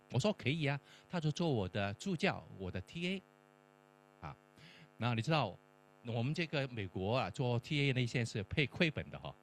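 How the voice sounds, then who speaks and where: A middle-aged man, a professor and church mentor, telling a testimony-style story and acting out the dialogue. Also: mid-range voice. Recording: faint mains hum.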